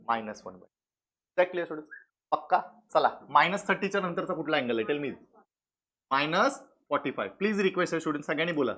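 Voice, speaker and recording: A math tutor with a Marathi accent runs his class at a brisk clip. He fires short questions at the students and answers them himself, slipping English words in between. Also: high-pitched, fairly bright tone. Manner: mixes English into the teaching. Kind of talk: classroom lecture.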